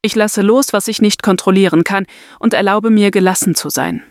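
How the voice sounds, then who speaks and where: A woman leads a guided meditation in a soft, soothing voice. Her pitch sits in the middle range, and each phrase is delivered slowly and deliberately, like scripted affirmations. The sound is close and dry. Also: no echo.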